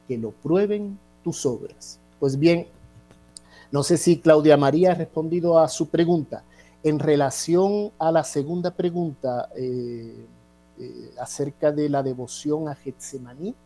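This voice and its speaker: A man, a priest hosting a religious program, answering listener questions in a measured, teaching way with frequent "eh" and tag questions. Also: on the high side, dark tone.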